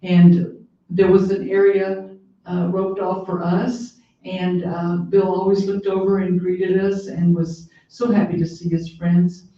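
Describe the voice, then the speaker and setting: An older woman speaks at a library talk, reminiscing with plenty of fillers and restarts. Her voice is dark and mellow. It sounds muffled and distant, heard through a very echoey room. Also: lowish voice, little pitch movement, slow pace. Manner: warm storytelling with frequent fillers and restarts. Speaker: author and guest speaker.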